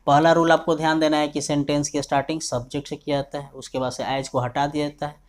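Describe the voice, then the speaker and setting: A male teacher explaining grammar rules step by step. He keeps asking whether students have understood, and he slows down to dictate example sentences. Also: fairly high pitch, little pitch movement.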